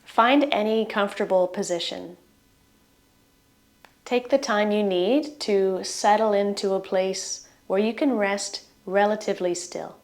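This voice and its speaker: A woman with a mid-range voice guides listeners through a relaxing meditation, her pace extremely slow and unhurried. Her soothing directions come in brief phrases whose endings fade gently away.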